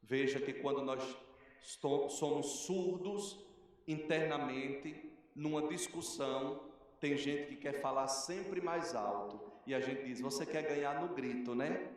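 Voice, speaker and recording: A man with a Brazilian Portuguese accent, a parish priest giving a homily in an earnest, measured preaching manner with rhetorical questions, recorded in a cathedral. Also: mid-range voice. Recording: echoey cathedral, mic at a distance.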